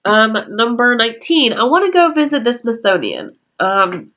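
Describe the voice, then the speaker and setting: A woman's voice: on the high side, big pitch swings, moderate pace, bright, forceful tone. A woman in her twenties talks casually to camera from her room at home, chatty and meandering, with frequent ums as she works through a list. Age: 20s. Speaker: YouTuber. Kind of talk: casual vlog talk.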